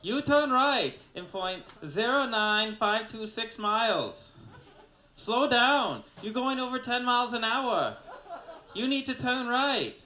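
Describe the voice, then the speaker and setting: A man's voice: extremely high pitch, expressive, extremely slow, pauses often, sharp tone, echoey room, a little hiss or hum, pitched above the performer's own voice, heavily acted. A man voicing a stern navigation device that reels off over-precise directions and scolds the driver. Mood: scolding.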